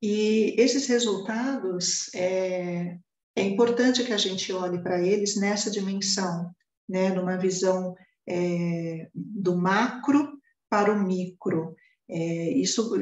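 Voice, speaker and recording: A woman from Brazil explaining reading assessment results in a training presentation, pausing often with fillers and tag questions. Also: mid-range voice, darkish tone, roomy sound. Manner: many fillers and restarts, repeated "né?". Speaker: education trainer.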